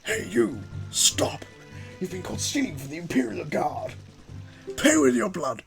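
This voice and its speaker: A man's voice: high voice, sing-song, a little slow, creaky, pitched above the performer's own voice, heavily acted. A man voicing a stern, bellowing medieval castle guard in a pompous posh manner, with music playing behind him. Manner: shouting, pompous posh delivery. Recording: background music under voice.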